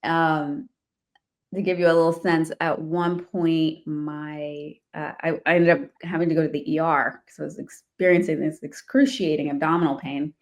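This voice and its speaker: Her voice sits low with a level tone at normal speed as she, a real estate investor from the D.C. area, relates her life story as an interview guest. She's casual, laughs often, and restarts sentences a lot.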